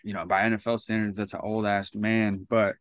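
Guy in his 30s rambling through his story on a podcast, low monotone, dry close sound. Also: fairly quick, smooth, dry recording. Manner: rambling, many restarts and "like" fillers. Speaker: podcast guest. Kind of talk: casual storytelling interview.

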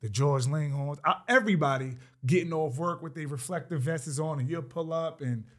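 Man, podcast host, casual slangy questions, slightly high voice. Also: normal speed. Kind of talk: casual conversation.

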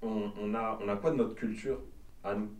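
A man's voice: on the low side, fairly even intonation, moderate pace, a little mellow, distant mic. Host, man, casual rambling chat, restarts a lot, echoey room, sits back from the mic. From Belgium. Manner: rambling, repeats words while searching for them. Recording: roomy sound from off-mic.

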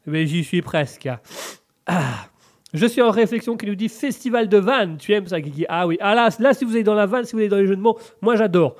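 A man's voice: high-pitched, lively intonation, brisk, darkish tone. A man with a cold hosting a live radio and Twitch show, upbeat, reading out viewers' chat comments. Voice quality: congested, stuffy. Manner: upbeat, reads out chat comments, lots of restarts. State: has a cold.

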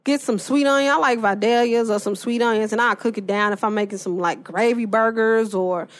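A woman co-hosting a relaxed chat, her voice sitting a little high. She talks in an emphatic, animated way and circles back to repeat her points. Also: brisk. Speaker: podcast co-host. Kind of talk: casual chat.

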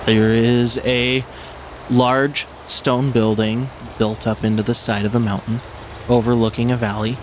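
Male game master, unhurried tabletop narration over clearly audible rain. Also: mid-range voice, level tone. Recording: clear rain noise behind.

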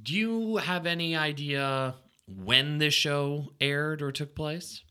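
A man's voice: fairly high pitch, takes it slowly, bright, forceful tone, smooth. A young man co-hosting a casual podcast, playful and mock-serious as he quizzes his co-host.

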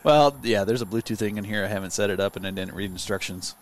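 A man hosting a casual podcast chat, laid-back, laughing often and trailing off quietly. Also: lowish voice, fast talker. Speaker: podcast host.

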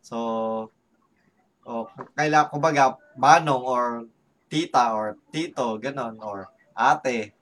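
A man's voice: medium pitch, slow pace, a bit bright. A man co-hosting a casual podcast chat, earnest and explaining at length with many fillers. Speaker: podcast co-host.

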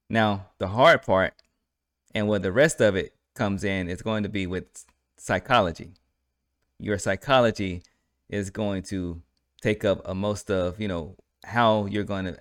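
A man's voice: on the low side, no room sound, clean studio sound. A man hosting a podcast, talking casually to listeners and often tagging lines with "right?". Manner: conversational, repeats "right?" to the listener. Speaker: podcast host. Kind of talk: solo podcast commentary.

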